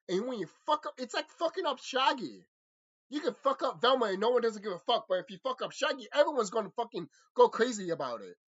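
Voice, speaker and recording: Commentator, mid-range voice with big pitch swings, vehement and sweary, hammering repeated phrases, lo-fi recording. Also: fairly bright tone. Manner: ranting, vehement, heavy swearing; repeats phrases for emphasis, mocking. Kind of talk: profane opinion rant about cartoons. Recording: dull lo-fi microphone.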